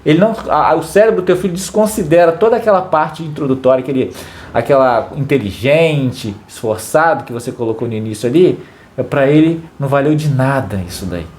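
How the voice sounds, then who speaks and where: This family-advice co-host addresses viewers in a relaxed way, his mid-range, slightly mellow voice moving fairly quickly. Patient in his explanations, he keeps coming back to key words for emphasis.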